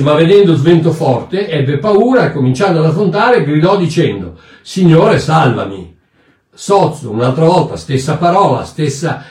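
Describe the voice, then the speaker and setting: A man's voice: fairly high pitch, a little mellow, recorded from a distance. A man preaching with a slightly raised voice, emphatic and repetitive as he works through his points. He stands a little back from the mic, and the room around him rings with echo. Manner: emphatic, repeats words and restarts while explaining. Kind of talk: sermon-style Bible teaching.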